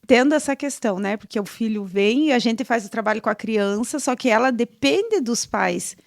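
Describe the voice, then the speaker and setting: A woman's voice: on the high side, animated, normal speed, dry recording. Chatty woman podcast host, dry sound. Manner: chatty, storytelling. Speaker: podcast host, clinic professional. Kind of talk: podcast interview.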